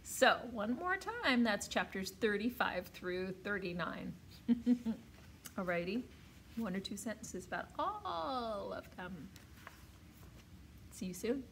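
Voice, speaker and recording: Expressive woman reading aloud. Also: mid-range voice, takes it slowly, pauses often, a little hiss or hum. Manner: expressive read-aloud with occasional slips and throat clearing. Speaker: teacher. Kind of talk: reading a children's novel aloud to a class.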